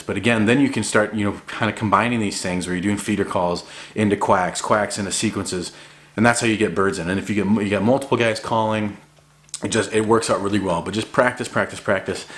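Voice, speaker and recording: A man's voice: fairly low pitch, fairly quick, a bit bright. A man giving an informal, encouraging hobby tutorial in a laid-back, conversational way. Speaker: hobby hunter giving a duck calling tutorial. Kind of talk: casual instructional talk.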